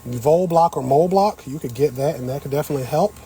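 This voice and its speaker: On a casual gardening livestream, a man chats away to viewers while turning the soil on an outdoor patio. He speaks quickly in a mellow voice that leans high.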